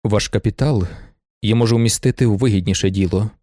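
A man voicing a reserved middle-aged merchant who speaks in a measured, curt, reassuring way in a storybook reading. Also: on the low side, dark tone, no room sound, clean studio sound, voice pushed down, natural voice. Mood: calm. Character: calm, reserved male merchant of middle age.

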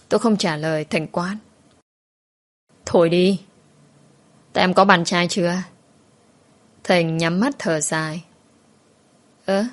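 A woman telling an emotional first-person story and reading every character's lines herself. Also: fairly low pitch. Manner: emotional, shifts between narration and dialogue.

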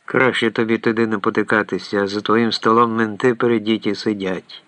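A man's voice: on the low side, little pitch movement, a little fast, fairly bright tone, no echo, lightly acted. A man voicing a nervous, jumpy male friend in an audiobook, speaking in a raised, anxious, pleading way. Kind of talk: audiobook character voice.

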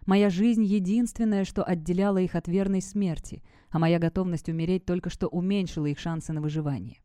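A woman's voice: fairly low pitch, steady tone, a little fast, warm tone, clear, resonant tone, no room sound, studio quality. Woman narrating a dramatic audiobook. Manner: dramatic first-person reading.

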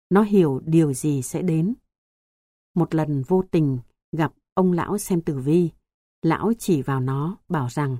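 Woman, audiobook narrator, calm, measured, lowish pitch, mellow warm tone. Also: no echo, studio quality. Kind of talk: scripted narration.

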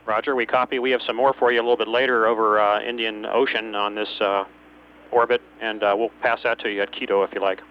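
A man's voice: fairly low pitch, little pitch movement, fast talker. A man working as a capsule communicator, making procedural, slightly hesitant radio calls to a spacecraft over a dull channel. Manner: procedural, hesitant between phrases. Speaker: capsule communicator at ground control. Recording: dull radio channel with faint noise and hum.

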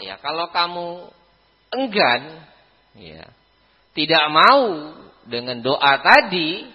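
Husky man teaching in a mosque. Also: sits high. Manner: lively, keeps repeating a pious filler phrase. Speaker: Islamic teacher. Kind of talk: mosque religious lesson. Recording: reverberant dull lo-fi mosque recording.

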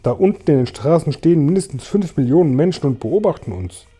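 A jumpy fire captain who blurts out his fears in a raised voice, as a man voices him in a storybook reading. His voice is dark and warm under the panic. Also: on the high side, expressive, brisk, husky, voice pushed up. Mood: anxious exclaiming. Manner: anxious, exclaiming.

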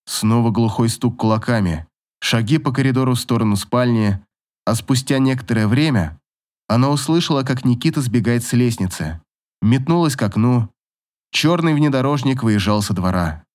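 A man reading a novel aloud in scripted, expressive narration. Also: medium pitch. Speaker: audiobook narrator.

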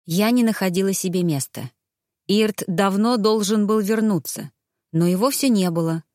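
A woman narrating a first-person fantasy audiobook with even, attentive storytelling. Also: medium pitch, normal speed, no room sound, clean studio sound.

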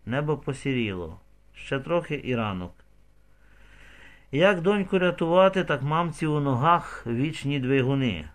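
A man's voice: medium pitch, lively intonation, measured pace. A man narrating a novel as an audiobook, telling the story expressively with vivid shifts in tone.

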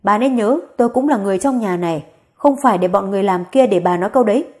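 A woman's voice: mid-range voice, fast, darkish tone, close to an everyday voice. A woman voicing a scheming young woman in a spoken story, mocking and then feigning tears. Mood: scornful. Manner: mocking, then tearfully meek.

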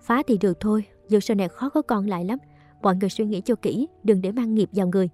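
A woman voicing a middle-aged female doctor who speaks gently. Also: medium pitch, fast talker, soft background music, natural voice. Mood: gentle. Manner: gentle, soft-spoken.

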